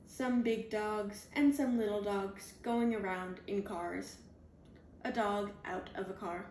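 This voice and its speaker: A woman reading a children's picture book aloud, deliberately, in clearly spaced phrases for young children, recorded indoors at home. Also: medium pitch, steady tone, darkish tone. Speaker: storybook reader. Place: indoors at home, on a leather couch. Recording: roomy home recording with background noise.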